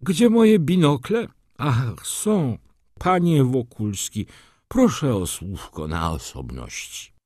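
A man voicing a vain, flustered nobleman in an audiobook, talking in a shrill, fussy voice. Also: very animated, slow, a little mellow, no echo, clean studio sound. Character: shrill vain old-school male baron.

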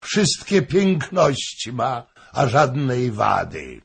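A man voicing a drunk, boastful male courtier who gushes loudly. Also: on the high side, animated, slow, creaky, slightly rough, voice pushed up, exaggerated voice. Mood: rapturous. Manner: exclaiming, gushing.

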